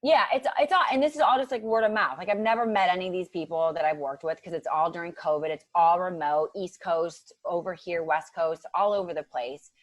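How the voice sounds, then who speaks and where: A woman's voice: on the low side, brisk, hardly any pauses, no room sound. A woman in her thirties from Ohio, chatting as a podcast guest about nutrition coaching and filling her talk with "like". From Ohio, USA. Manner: chatty, many "like" fillers, acts out quotes. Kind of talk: casual chat.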